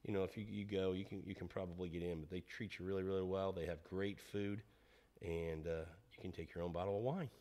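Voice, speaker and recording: A man co-hosts a podcast in an easygoing chat, often restarting his sentences as he rambles along. His voice sits a little low and relaxed. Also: brisk. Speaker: podcast co-host. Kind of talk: casual chat.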